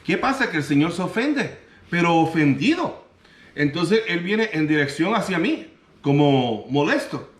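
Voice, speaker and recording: A Puerto Rican man tells a story from his own life, acting out each line of it with a lot of life. His voice sits a little high for a man, and the room around him has a roomy echo. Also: measured pace. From Puerto Rico. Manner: animated, acts out the other people's lines in his story. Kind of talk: casual personal storytelling.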